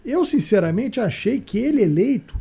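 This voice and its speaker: A man's voice: very high voice, sing-song, moderate pace, mellow, husky. A Brazilian man on a political debate panel, talking sarcastically and mocking others' words. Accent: Brazilian Portuguese.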